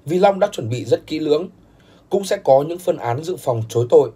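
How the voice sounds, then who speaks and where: A man's voice: fairly high pitch, animated, a little fast, dark tone, slightly rough. A man narrating a family drama story in a scripted, dramatic storytelling manner.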